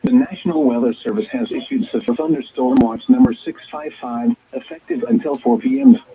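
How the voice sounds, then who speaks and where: Over a tinny, narrow-band weather radio signal, a man's synthetic voice reads scripted alerts formally, as a radio announcer would. It's a little high and creaky, with wildly swooping pitch and a brisk, stilted, choppy delivery.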